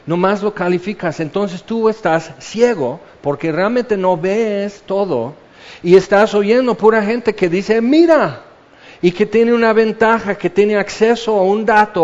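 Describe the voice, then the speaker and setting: A man with a Mexican accent preaching a sermon in a lively, conversational way, acting out little voices as he goes. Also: sits high. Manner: animated, conversational preaching that slips into acted-out voices. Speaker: pastor. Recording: dull lo-fi sound.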